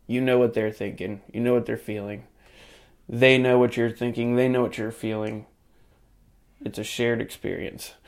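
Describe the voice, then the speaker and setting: A man delivering a reflective monologue, musing aloud with frequent "you know" fillers. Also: medium pitch. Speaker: podcast segment host.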